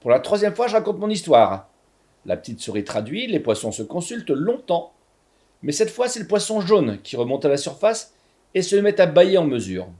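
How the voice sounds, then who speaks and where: A man narrating a story in an animated, theatrical reading. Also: a little high, normal speed.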